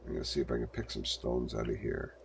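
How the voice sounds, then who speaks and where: Gravelly older man muttering through gameplay. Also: extremely low pitch, little pitch movement, quick pace, a little hiss or hum. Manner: muttering to himself while playing. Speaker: gameplay streamer. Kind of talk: casual gameplay commentary.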